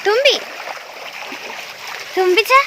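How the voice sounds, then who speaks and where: A woman's voice: very high voice, slow pace, background noise. A mother talking to her toddler in sing-song baby talk, coaxing her and asking the same questions over and over.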